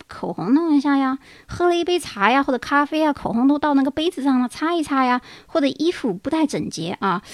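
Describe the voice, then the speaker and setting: A woman's voice: high-pitched, no room sound, studio quality. A woman whose first language is Chinese, giving a chatty, anecdotal lecture as a teacher. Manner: chatty, anecdotal, with rising exclamations. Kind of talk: casual lecture on living in America.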